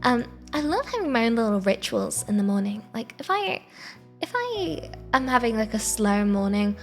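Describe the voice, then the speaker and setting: A sleepy woman rambles softly and casually to her livestream. Her voice is fairly high, with a lot of creak in it. Gentle music plays behind her. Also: big pitch swings, moderate pace. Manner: sleepy, soft and meandering. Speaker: live streamer. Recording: soft background music. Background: quiet background music.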